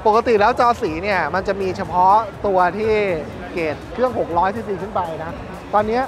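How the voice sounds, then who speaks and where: A man in his thirties presenting bikes at a busy indoor motor show in a lively, chatty way, speaking into a lapel mic. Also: high voice, fairly quick. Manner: lively, chatty, points things out. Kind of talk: casual walkaround presentation. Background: music.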